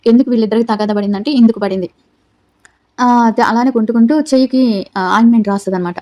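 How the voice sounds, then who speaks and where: A woman's voice: on the high side, quick pace, warm tone. A woman hosting her own channel, chatting casually through a recap of a reality show and acting out what the contestants said. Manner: chatty retelling that acts out the quoted dialogue. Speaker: YouTube channel host.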